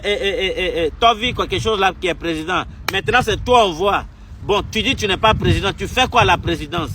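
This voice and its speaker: Young togolese guy yelling insults at camera, very high sharp voice. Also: a little hiss or hum. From Togo. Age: young adult. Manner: furious, insulting, repetitive, shouting bursts. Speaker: activist vlogger. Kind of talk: angry political rant to camera.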